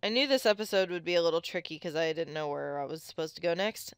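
A woman giving chatty, excitable commentary on her own gameplay into a close mic, with sudden squeals when something catches her eye. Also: lowish voice, fast talker, clear, resonant tone, dry recording. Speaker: let's play gamer.

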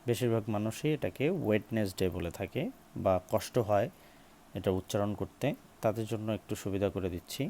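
A little hiss or hum sits under this man's low-side, steady, mellow voice. In a slow spoken English lesson, he spells out words, says each several times to drill it, and asks viewers questions.

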